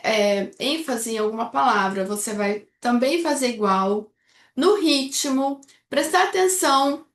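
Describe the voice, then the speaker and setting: A woman's voice: high voice, fairly bright tone. A woman from Brazil, an English teacher, explaining a speaking technique step by step and checking in often with her students. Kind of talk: instructional video lesson. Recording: echoey room.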